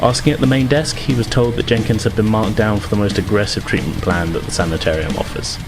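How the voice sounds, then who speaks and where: With music playing behind him, a man with a fairly low voice speaks fast while hosting a tabletop gaming podcast as game master. He keeps it conversational and informal, moving from a casual intro to a recap and game narration.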